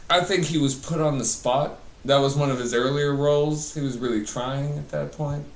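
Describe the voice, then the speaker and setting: A man's voice: on the high side, steady tone, normal speed. A man giving crude, irreverent comic answers as the guest in an improvised mock interview. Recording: echoey room, distant mic, background noise.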